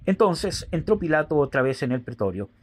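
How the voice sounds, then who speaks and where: A man reading scripture aloud in a steady, solemn way. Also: on the high side, brisk, a little hiss or hum. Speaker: Bible reader.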